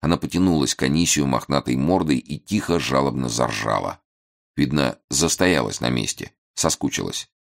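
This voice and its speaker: A man narrating a novel as an audiobook, reading in an even, measured way. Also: extremely low pitch, gravelly.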